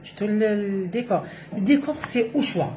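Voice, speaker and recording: A woman's voice: medium pitch, lively intonation, fast talker, mellow, a little hiss or hum, rough recording. A woman with an Algerian Arabic accent hosts a home cooking demonstration. She keeps telling viewers to look as she works, and mixes French words into her speech. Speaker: cooking show host.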